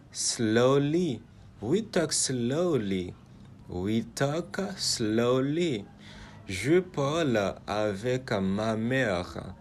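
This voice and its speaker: A man of middling pitch teaches verb conjugations, stepping through each form slowly and repeating it. He keeps checking that the listener is following. A faint hum sits under the voice. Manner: slow, repetitive drilling, asks "Ok?" often. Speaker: English teacher. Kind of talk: conjugation lesson with repetition.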